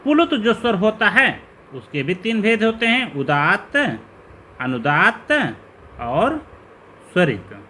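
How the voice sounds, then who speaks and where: Animated male grammar teacher explaining patiently. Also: high-pitched, a little hiss or hum. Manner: slow, repetitive listing of terms with rising questions. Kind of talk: classroom lecture explaining grammar.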